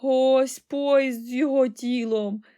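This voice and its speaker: A woman voicing a grumpy, quarrelsome old grandmother who scolds sharply and bursts into high shouts. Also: big pitch swings, takes it slowly, vocal fry, full character voice. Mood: frantic shouting.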